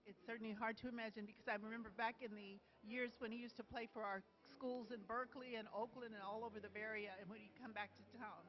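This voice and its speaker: Soft-spoken woman interviewer, lo-fi sound. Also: a little high, fairly even intonation, fast, few pauses. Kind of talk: casual event interview. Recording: muffled lo-fi video sound.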